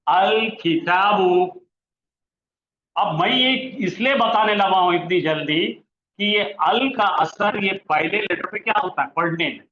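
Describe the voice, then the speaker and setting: A man teaching an Arabic grammar lesson, asking the class questions and answering them himself, and drawing out example words slowly. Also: high voice, slight background noise. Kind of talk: classroom lesson explaining pronunciation. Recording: echoey room, slightly dull sound.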